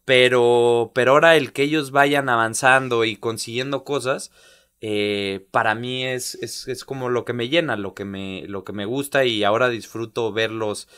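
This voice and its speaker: Middle-aged man, bright tone, halting reflective guest. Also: mid-range voice, steady tone, clear, resonant tone. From Mexico. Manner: halting, many restarts and "¿sabes?" tags. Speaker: interview guest, former pro footballer and youth coach. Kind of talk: reflective conversational interview.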